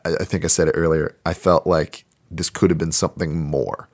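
A man's voice: very deep voice, flat delivery, brisk, a little mellow. A man co-hosting a podcast, reviewing a movie in a laid-back, rambling way with lots of fillers. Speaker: podcast co-host. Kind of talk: casual movie review chat.

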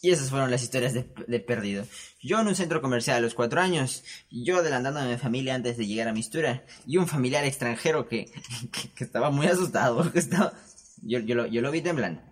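A young man with a Peruvian Spanish accent tells stories to camera in a casual, animated way. He laughs often and swears freely. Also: medium pitch, quick pace. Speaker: vlogger. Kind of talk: casual storytelling monologue. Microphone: camera setup with microphone.

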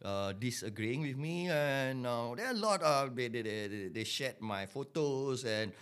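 A man's voice: medium pitch, expressive, measured pace, fairly bright tone, smooth. A Malaysian man chats casually as a podcast host. He speaks colloquial, Singlish-like English, dropping in Malay words and local particles.

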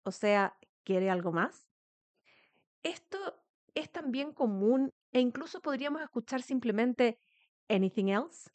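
A woman, a native Spanish speaker, hosting a pronunciation lesson podcast and leading slow repetition drills. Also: fairly high pitch, expressive, a little mellow, no room sound. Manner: slow, clear, instructive, leads repetition drills. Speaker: English teacher, podcast host.

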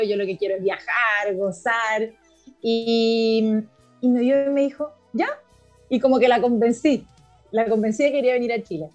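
A woman's voice: on the high side, darkish tone. Middle-aged woman interview guest, chatty storyteller, faint music bed. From Argentina. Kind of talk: casual interview talk.

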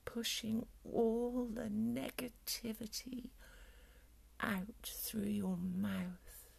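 A woman with a soft, calm whisper, guiding a breathing meditation in a soothing ASMR style. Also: a little high, extremely slow, vocal fry, slightly rough. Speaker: meditation guide.

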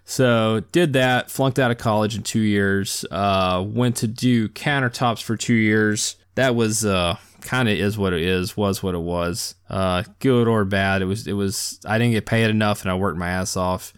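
Laid-back man with a low, smooth voice. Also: unhurried, hardly any pauses. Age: 30s. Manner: laid-back, even-keeled, self-described down-to-earth; rambling with many fillers and restarts. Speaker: podcast host. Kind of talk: casual solo monologue.

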